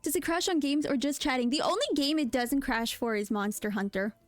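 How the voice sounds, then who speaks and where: A woman's voice: high-pitched, fairly quick, no room sound, faint music behind. A woman guest on a casual chat stream, easygoing and laughing along.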